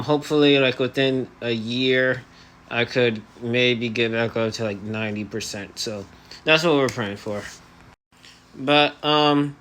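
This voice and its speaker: A man's voice: medium pitch, a bit bright, smooth. An eighteen-year-old man talking earnestly in a personal vlog, with hesitant phrasing and articulation slightly restricted by elastics on his jaw. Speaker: vlogger. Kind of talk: personal vlog monologue to camera.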